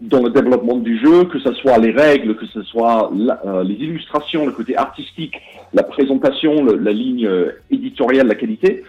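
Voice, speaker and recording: In dull, lo-fi audio with soft music behind him, a British man answers interview questions in French in a British English accent. He's a board game publisher with a mid-range voice and a slightly fast pace, and his answers are full of fillers and restarts.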